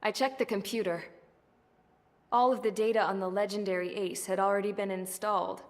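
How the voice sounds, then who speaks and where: A woman's voice: mid-range voice, steady tone, brisk, slight background noise, close to an everyday voice. A woman playing a tough, matter-of-fact female military mechanic in a video game cutscene. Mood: resolute. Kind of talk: scripted game cutscene acting.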